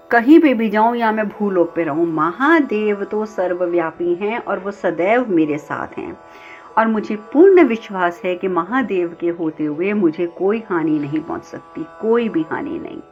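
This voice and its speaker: Woman storyteller as a resolute young goddess princess, devout and steady, middle-pitched, dull lo-fi sound, soft sitar underneath. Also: measured pace, lightly acted. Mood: firm devotion. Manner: resolute, pleading with her father. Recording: slightly dull, faint sitar music.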